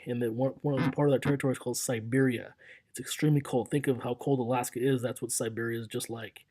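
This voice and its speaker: A man's voice: medium pitch, dark tone. Casual man teaching a history lesson. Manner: casual, conversational, with fillers and restarts. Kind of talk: classroom lecture over slides.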